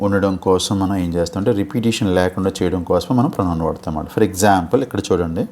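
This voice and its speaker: This Telugu-accented man talks fast in a low, darkish voice, patiently going over English grammar for a teacher exam and frequently asking "okay?". The exam-prep lecture is in Telugu with English terms, and there's a little hiss or hum.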